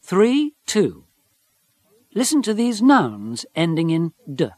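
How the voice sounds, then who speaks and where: A man reading the instructions for a pronunciation course in a slow, clear, deliberate way, recorded in a dry studio. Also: high voice, huge pitch swings, darkish tone, no room sound. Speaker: course narrator.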